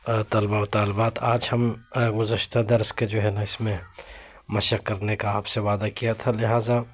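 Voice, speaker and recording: A male religious teacher giving a recorded lesson. He explains steadily, uses frequent fillers, and drags out each example word slowly to model how it is pronounced. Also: mid-range voice.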